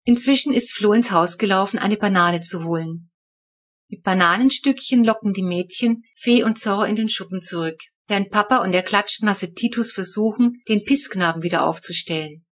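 A woman narrating a children's audiobook in the first person, with a lively, wry telling. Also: medium pitch, normal speed.

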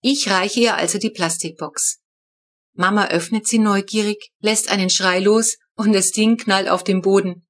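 A woman reading a children's storybook aloud, telling the story in a lively first-person voice. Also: medium pitch, moderate pace. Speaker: audiobook reader.

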